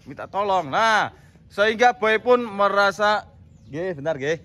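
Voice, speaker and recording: A man's voice: high-pitched, animated, a little slow, bright, forceful tone. A man, narrating a comedy skit and directing his team, often laughing as he talks. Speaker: director of an acting challenge.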